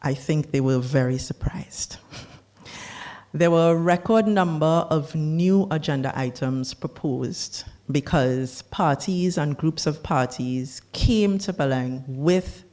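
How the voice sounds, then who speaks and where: A speaker giving a formal policy briefing on climate negotiations, measured and deliberate, with the odd dry aside. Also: mid-range voice, darkish tone.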